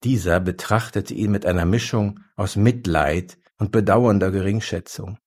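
A man reading a story aloud in a calm, measured narration. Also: fairly low pitch.

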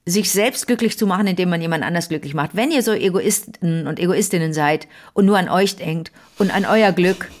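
A woman's voice: on the low side, a little fast, few pauses. A middle-aged woman co-hosting a podcast, telling stories in a casual chat and acting out what people said. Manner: animated storyteller, acts out quoted voices. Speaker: podcast co-host.

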